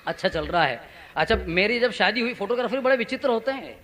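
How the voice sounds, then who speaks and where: Male stand-up comic poet, very high bright voice, acts out the voices of the people in his stories, on stage with a mic. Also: quick pace, some chatter behind. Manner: animated, acts out quoted voices, playful audience asides. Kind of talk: humorous stage storytelling. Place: stage before a live audience. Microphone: stage microphone.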